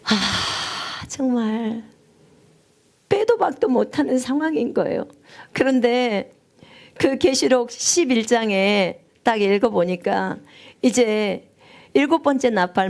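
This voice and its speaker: A woman missionary preaching a sermon, telling her story with strong emotion, at times rising high and near tears. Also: lively intonation, slow pace. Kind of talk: live-streamed sermon testimony.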